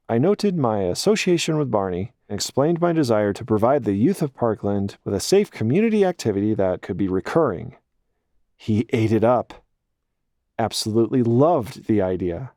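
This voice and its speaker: A man's voice: medium pitch, dark tone, dry recording, clean studio sound. A man narrating a first-person audiobook in a wry, self-deprecating way, with profane asides.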